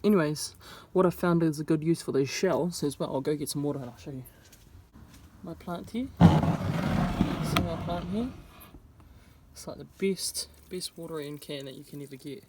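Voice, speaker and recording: A woman's voice: deep voice, fast talker, few pauses, background noise. Young New woman. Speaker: vlogger. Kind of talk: casual vlog talk to camera. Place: indoors, speaking to camera.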